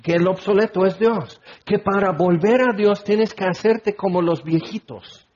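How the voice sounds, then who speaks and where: A preacher with a fairly high, husky voice delivers an animated sermon. He slips into little acted voices to make his points. The recording is dull and lo-fi. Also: unhurried. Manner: animated, acts out little scenes with put-on voices.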